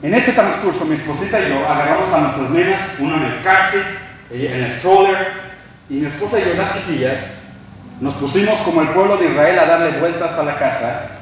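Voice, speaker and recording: A man preaching a sermon as pastor, impassioned, slowing down to stress his points. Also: fairly high pitch, slight background noise. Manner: impassioned preaching, slows for emphasis. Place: church sanctuary. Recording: echoey room, preacher far from mic.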